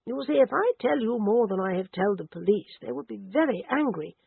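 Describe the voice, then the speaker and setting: A gentle old vicar speaks in a mild and apologetic way, and his pitch moves around a lot, as a woman narrator reads him. The voice is a little breathy. The sound is dry and narrow, like a phone line. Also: animated, brisk, no echo. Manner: mild, soft-spoken, refined.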